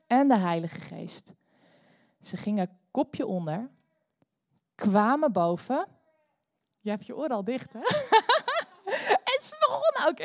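Dutch lady pastor telling a story, kinda high voice, dry sound, gets animated. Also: dry recording. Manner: animated, bursts into loud cheering when acting out the story. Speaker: preacher. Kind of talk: sermon with storytelling. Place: church hall.

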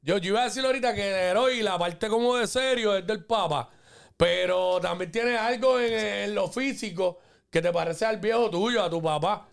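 A man's voice: high voice, moderate pace, creaky. A man, asking playful, curious questions as a podcast co-host. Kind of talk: casual chat.

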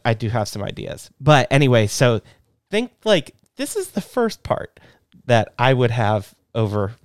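Smooth-voiced man, rambling podcast talk. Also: medium pitch, sing-song, a little slow, dry recording, studio quality. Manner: rambling, many fillers and restarts. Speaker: podcast co-host. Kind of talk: casual chat.

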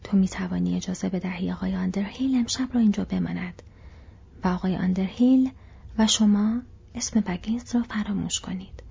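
A woman voicing a grave, knowing male ranger in a breathy whisper, as whispered role-play in a storybook reading. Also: medium pitch, mellow, lo-fi sound, full character voice.

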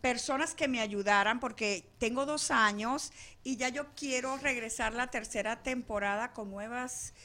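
A woman's voice: fairly high pitch, bright, forceful tone. A woman from Venezuela hosting a radio talk show in a studio, chatting loosely with many restarts. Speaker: radio host. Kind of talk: casual studio chat.

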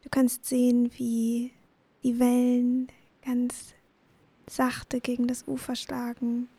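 A woman narrating a guided bedtime sleep meditation in a soothing, gentle, breathy voice that often nears a whisper. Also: a little high, monotone, slow pace, no room sound. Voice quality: breathy, soft.

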